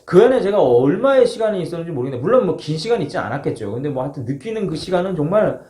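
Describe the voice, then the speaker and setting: This man speaks very fast in a fairly high voice, telling a casual story of his days as a former marine. He acts out shouts with animation, keeps polite formal sentence endings, and the recording sounds roomy and echoing.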